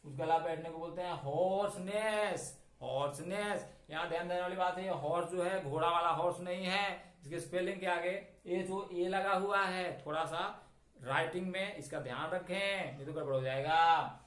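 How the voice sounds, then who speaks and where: A middle-aged man teaching an English vocabulary lesson in a chatty, digressive way, stretching out key words slowly. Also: high-pitched, fairly bright tone. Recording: echoey room.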